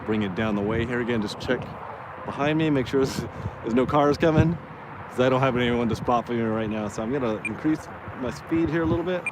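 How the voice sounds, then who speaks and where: A man with a medium-pitched voice talks casually while flying a model plane. His delivery is hesitant and rambling, with trailing pauses. Clear wind and outdoor motor noise sit behind him. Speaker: radio-control plane vlogger. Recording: noisy windy outdoor recording with vehicle sound.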